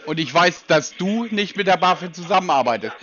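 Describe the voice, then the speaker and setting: A man's voice: high voice, expressive, fairly quick, a bit bright, slight background noise. A man on a phone call confronting a scammer, mocking and blunt, frequently cutting in. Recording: muffled lo-fi phone audio.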